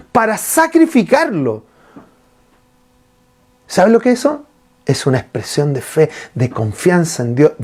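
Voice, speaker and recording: A man preaching a sermon as pastor, asking his listeners questions and retelling scripture. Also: high-pitched. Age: adult father. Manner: lively preaching with rhetorical questions to the congregation.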